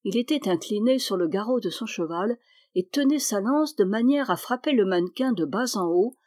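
A woman reads a historical novel aloud, with measured, expressive storytelling. The recording is dry and close, with no room sound, and her voice sits at a middling height. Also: medium pitch, dry recording. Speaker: audiobook reader.

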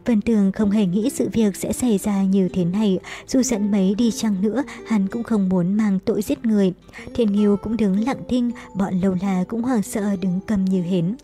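A woman reads a novel aloud as an audiobook, telling it briskly and dramatically. Her voice is mellow and dark in tone at a mid pitch. Faint music plays quietly behind her. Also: fairly even intonation. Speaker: narrator.

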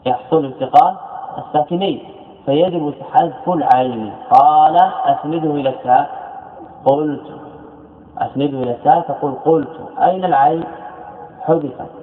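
A man's voice: on the high side, a little fast, pauses often. A man teaching a classroom lesson, explaining by repeating his points and asking himself questions. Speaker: teacher of Arabic morphology. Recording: echoey hall over a tinny phone-like line.

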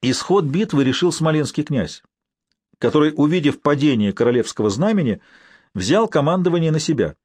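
A man reading a historical adventure story aloud in an even storytelling manner. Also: a little high, a little fast, husky, no room sound, clean studio sound. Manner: even storytelling with quoted dialogue. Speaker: audiobook narrator. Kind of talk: scripted narration.

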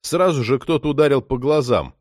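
A man narrating a crime novel in a steady, even storytelling manner. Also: medium pitch, brisk, no room sound, clean studio sound. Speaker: audiobook narrator. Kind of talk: scripted narration.

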